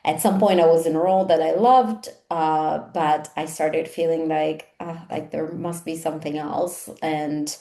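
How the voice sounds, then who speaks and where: A woman's voice: sits low, steady tone, unhurried, hardly any pauses, warm tone. A woman from Italy, a coach chatting casually as an interview guest and peppering her talk with "like". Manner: chatty, frequent "like" fillers. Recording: roomy echo.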